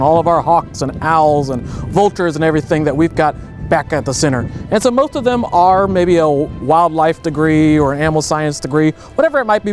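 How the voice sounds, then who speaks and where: A young adult man from a raptor center, explaining a tradition in an informative, anecdotal way outdoors on a field. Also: fairly high pitch. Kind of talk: informative interview answers.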